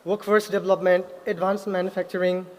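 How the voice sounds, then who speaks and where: A young man from Nepal with a Nepali accent, giving an earnest graduation speech with pauses and self-corrections. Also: high-pitched, flat delivery, a little mellow. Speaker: graduate speaker. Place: large ceremony hall. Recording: hall reverb.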